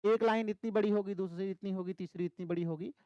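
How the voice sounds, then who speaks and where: A man's voice: high voice, fairly even intonation, fast, dark tone, smooth, dry recording, lo-fi sound. A man teaching English literature for exam preparation, repeating key terms and asking and answering his own questions. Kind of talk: exam-prep lecture.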